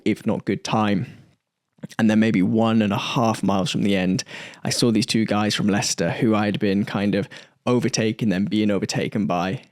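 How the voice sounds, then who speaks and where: A young man hosting his own podcast, telling a story in an earnest, candid way, with emphatic pauses and now and then a curse. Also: on the low side, a little mellow, no room sound, studio quality. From United Kingdom. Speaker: podcast host. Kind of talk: reflective solo podcast monologue.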